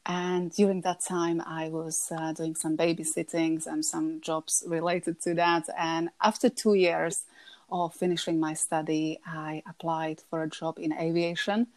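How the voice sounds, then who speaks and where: A woman in her thirties with a Slovak accent speaks as a podcast guest. Her voice sits low and stays quite flat in pitch. She is soft-spoken and pauses often to find her words. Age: 30s. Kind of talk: conversational interview.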